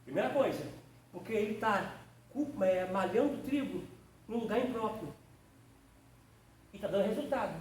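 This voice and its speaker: This pastor's voice is high, a little mellow, and lively, moving at normal speed with frequent pauses. Teaching theology in a church classroom, he preaches fervently and exclamatorily and names listeners directly, captured on a roomy, distant mic with faint noise.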